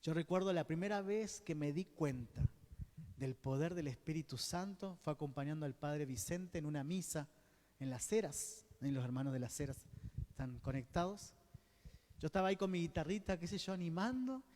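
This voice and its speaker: A man's voice: on the high side, lively intonation, moderate pace, darkish tone. An Argentine man leading a religious teaching session in a preacherly style. He keeps checking in with his listeners and answers his own questions. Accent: Argentine Spanish. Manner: keeps checking in with the group by asking "¿Sí?"; poses questions to the group and answers them himself. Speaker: diocesan coordinator teaching a course. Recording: long hall reverb.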